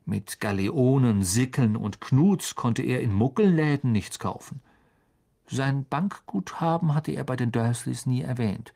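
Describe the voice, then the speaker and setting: A man reading a storybook aloud as an expressive audiobook narrator. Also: mid-range voice, a little slow, vocal fry. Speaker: audiobook reader. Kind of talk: scripted narration.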